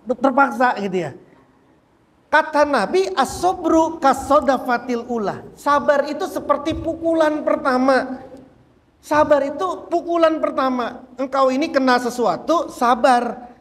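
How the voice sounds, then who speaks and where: A man teaching a religious book study, animated and repeating phrases as he drives a point home. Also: very high-pitched, a little slow, big-room sound. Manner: animated, repeats phrases, acts out quoted speech. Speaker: Islamic teacher.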